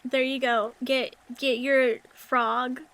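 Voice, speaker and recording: A woman with a high voice chats as a livestreamer. Her delivery is cute in an anime-streamer way, and she rambles casually and informally to the people watching. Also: flat delivery, slow pace, a bit bright. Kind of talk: casual rambling chat with viewers.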